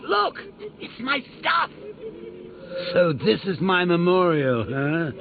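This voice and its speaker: An actor playing a gleefully sadistic clown supervillain in a video game, theatrical and mocking, with a creaky voice. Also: male voice, high voice, wildly swooping pitch, background noise, exaggerated voice. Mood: sardonic. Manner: theatrical, mocking, drawn-out phrasing with cackles. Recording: muffled game audio under loud music.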